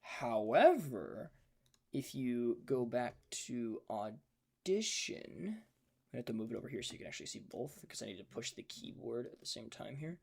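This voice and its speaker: Gravelly male streamer, animated delivery, loose tutorial talk full of fillers. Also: mid-range voice. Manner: loose, thinking aloud, many fillers. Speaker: streamer teaching sound design. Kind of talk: casual live-stream tutorial.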